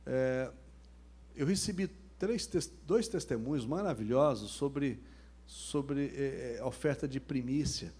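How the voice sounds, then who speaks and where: A pastor delivers a sermon full of colloquial jokes and stories. His voice is husky and mellow, and his pitch swings widely. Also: animated, slow pace. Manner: humorous, colloquial storytelling.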